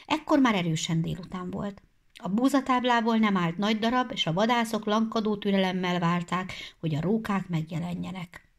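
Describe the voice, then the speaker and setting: A woman narrating a children's storybook in a measured, expressive way. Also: mid-range voice. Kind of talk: storybook reading.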